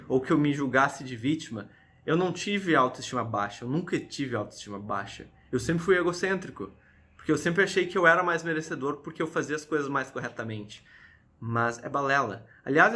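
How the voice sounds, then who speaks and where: A man's voice: a little high, pushed and bright, slight background noise. A man, talking to camera in an earnest, confessional way about his faith. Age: early 20s. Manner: earnest, preachy, addresses viewers directly with frequent "tá?". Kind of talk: casual confessional talk to camera.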